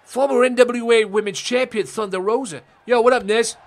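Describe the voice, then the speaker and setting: A young man doing excitable, swearing live-stream commentary over a game, talking straight to his chat viewers. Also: very high voice, moderate pace.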